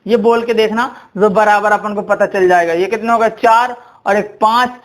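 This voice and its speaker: A man's voice: sits high, fairly even intonation, normal speed. A man teaching a grammar lesson, quizzing his listeners and repeating key points with "ठीक है". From India. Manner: repetitive, quizzing with "ठीक है" and "कितने होते हैं?".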